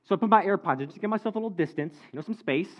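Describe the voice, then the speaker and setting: A teenage boy performing a stand-up comedy story as an animated storyteller who acts out the dialogue. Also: high voice, very fast. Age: teens. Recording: dull lo-fi recording.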